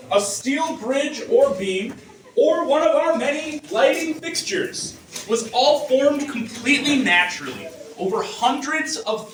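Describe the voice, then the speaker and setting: A man's voice: very high voice, far from the mic, background noise. A man working as a tour guide, talking theatrically to a group and quizzing them inside an echoing cave.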